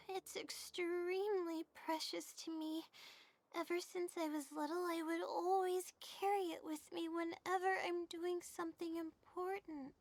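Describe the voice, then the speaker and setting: A woman's voice: very high voice, little pitch movement, unhurried, dry recording. A woman voicing a shy, sleepy young female scholar in a video game, who talks hesitantly, rambles and often apologizes. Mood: nervous recounting. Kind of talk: video game character dialogue.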